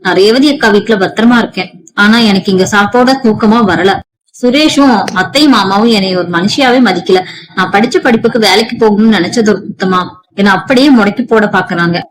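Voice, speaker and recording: A woman's voice: mid-range voice, a little fast, close to an everyday voice, poor audio. A woman voicing a tearful young woman who speaks in an upset, apologetic way.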